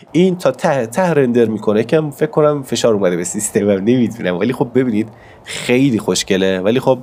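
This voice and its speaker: A man with a hoarse voice from a cold, chatting excitedly to his viewers as he comments on his own gameplay. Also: lowish voice, slight background noise. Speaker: gaming YouTuber.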